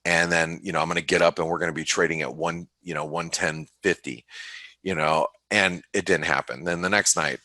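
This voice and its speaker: Deep-voiced man in halting market talk. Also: fairly even intonation, sharp tone, dry recording. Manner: halting, many restarts and fillers, thinks aloud. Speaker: forex market analyst. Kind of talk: casual webinar market commentary.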